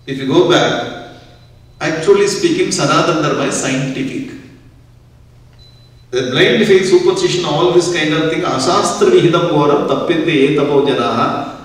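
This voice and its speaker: A man, a swami, giving a scripture lecture and often checking that the listeners follow along. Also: a little high. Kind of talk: religious discourse lecture. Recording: echoey hall, far from mic.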